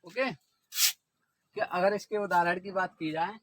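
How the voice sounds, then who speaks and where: A man's voice: sits high, steady tone, slow pace, a bit bright, dry recording. A man teaching an exam-prep lesson, explaining step by step and often putting questions to the viewers.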